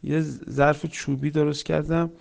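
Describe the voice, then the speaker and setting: A man preaching a sermon with stories, swinging between loud emphatic lines and soft hushed ones, reciting Quranic verses. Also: on the high side, level tone, vocal fry. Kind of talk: religious sermon with storytelling.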